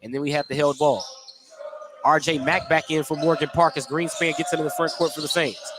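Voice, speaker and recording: A man calls a basketball game live for radio in short, clipped phrases, describing the action in detail. His voice is fairly high, fairly even in intonation, and fairly quick. The indoor gym is noisy, and a ball can be heard bouncing.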